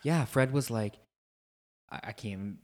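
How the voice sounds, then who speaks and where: A man's voice: mid-range voice, normal speed. A man co-hosting a podcast, telling a travel story in a playful, joking way and acting out his own past lines. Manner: playful, jokey, quotes himself in voices. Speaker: podcast co-host. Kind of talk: casual travel chat.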